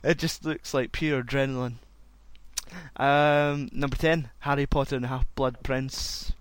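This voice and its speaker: A man's voice: medium pitch, fairly even intonation, a little slow, clear, resonant tone, no echo. A man hosting a casual chat, loose and rambling. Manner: loose and rambling, laughs a lot. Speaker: podcast host.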